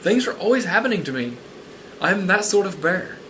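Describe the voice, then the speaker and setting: Man reading as a small, well-mannered storybook bear, earnest and a touch high; faint background hiss. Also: sing-song, normal speed. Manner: earnest, polite.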